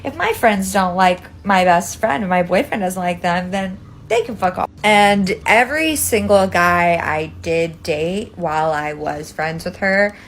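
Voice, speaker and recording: A storytime video creator, a woman in her twenties with an American accent, tells a personal story casually and emphatically in a fairly low voice. She speaks at a measured pace with few pauses, dramatic and peppered with "like" and swearing, over slight background noise.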